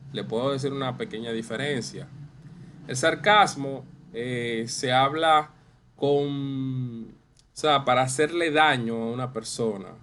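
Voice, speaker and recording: Slow, deliberate male teacher. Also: medium pitch, fairly bright tone, slight background noise. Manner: explains slowly, repeats phrases, drawn-out emphasis on examples. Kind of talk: online class lecture.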